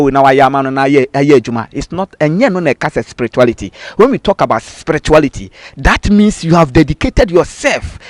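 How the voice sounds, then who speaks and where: A man whose native language is Twi, speaking with a Ghanaian accent, explains things as an interviewee in an emphatic, repetitive, teaching style. He is a babalawo spiritual practitioner, his voice is on the high side, and the recording is dry.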